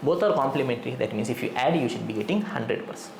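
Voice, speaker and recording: Male lecturer, South Indian accent, quick and colloquial, quizzing students; roomy sound with faint noise. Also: medium pitch, animated, vocal fry. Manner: frequent check questions to students; colloquial Indian English slang. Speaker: accounting teacher. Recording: echoey room, faint background noise.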